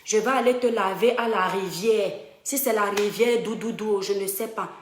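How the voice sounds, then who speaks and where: A woman from Cameroon speaks at medium pitch and moderate pace as she live-streams a personal story to followers from a room at home. She addresses viewers directly with emphasis and fondness, and the recording has a roomy home echo plus a little hiss or hum.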